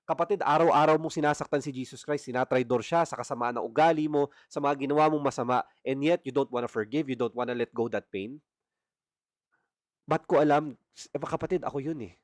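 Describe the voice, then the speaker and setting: Fiery Filipino-accented male preacher for a phone livestream Bible study, fairly high voice, dry close sound. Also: no echo. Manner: impassioned, scolding rhetorical questions; switches between Tagalog and English.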